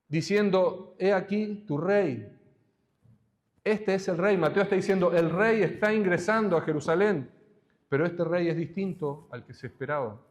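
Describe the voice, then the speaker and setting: A man preaches in a church, his voice sitting high for a man. He explains scripture in a teaching style. He slows down and presses on each quoted verse. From Argentina. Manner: teaching, quoting scripture slowly with emphasis. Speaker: pastor. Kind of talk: expository sermon.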